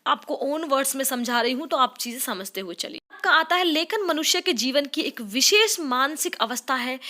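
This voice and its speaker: A woman's voice: high voice, sharp tone. A woman teaching an exam-prep lesson in a close voice-over, explaining patiently step by step. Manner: explaining patiently, often saying "dekhiye".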